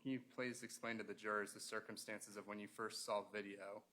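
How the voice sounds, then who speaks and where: A man questioning a witness as a prosecuting attorney in a courtroom, in a formal, procedural and halting way. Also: on the low side, flat delivery, pushed and bright. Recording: noisy courtroom pickup with room ambience.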